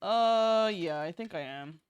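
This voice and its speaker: A woman's voice: lowish voice, animated, slow pace, clean tone, no room sound. Giggly young woman streamer chatting. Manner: chatty, giggly, swears casually. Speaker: streamer and artist. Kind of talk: casual live-stream chat while drawing.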